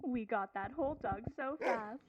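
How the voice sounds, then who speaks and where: A woman's voice: fairly high pitch, moderate pace, recorded from a distance, highs cut off, slight background noise, natural voice. An actress playing a spirited woman, the sheriff's ally, in a radio play. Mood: dramatic. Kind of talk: old-time radio play acting.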